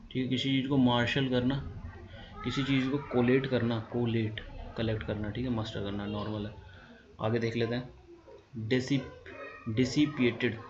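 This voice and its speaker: A man with an Indian accent teaching English vocabulary in a casual lesson. He repeats each word several times and spells words out letter by letter. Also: mid-range voice. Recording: dull lo-fi sound with clear background noise.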